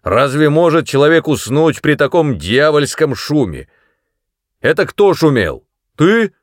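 A man's voice: on the high side, very animated, unhurried, no echo, clean studio sound, voice pushed up. A man voicing a furious, domineering middle-aged father who bellows in anger. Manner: roaring, raised voice.

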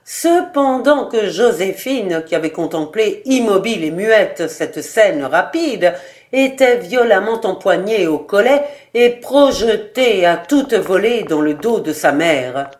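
A woman reads a literary short story aloud as narrator. She speaks slowly and deliberately, with measured, expressive storytelling. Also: mid-range voice.

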